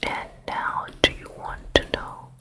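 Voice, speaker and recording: For an ASMR roleplay, a woman takes on the role of a haughty, domineering queen from a fairytale. Her delivery is a soft, measured whisper, as befits an ASMR performer.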